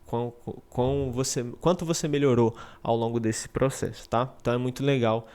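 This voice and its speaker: A man's voice: mid-range voice, steady tone, fairly quick, a little mellow, clear, resonant tone. Casual man teaching. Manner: conversational, with frequent check-ins and restarts. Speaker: English teacher. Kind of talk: casual spoken lesson.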